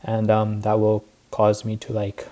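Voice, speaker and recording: A man's voice: fairly low pitch, monotone, measured pace, dark tone. A teenage boy rambling through a casual weekly recap, tired and short of breath, with lots of fillers. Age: teens. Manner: rambling, filler-heavy, laid-back. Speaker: student trader recapping his week.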